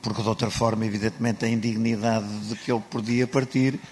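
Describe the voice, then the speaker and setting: A man's voice: lowish voice, steady tone, fairly quick, a little mellow, slight background noise. An older man with a European Portuguese accent speaking as a guest author on a panel, eloquent, formal and dryly ironic.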